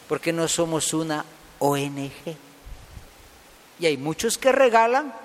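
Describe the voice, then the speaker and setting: A man preaching a sermon and telling a fable to his listeners, hushing them and putting on voices for the animals. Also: on the high side. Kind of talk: sermon storytelling. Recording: long reverb of a hall.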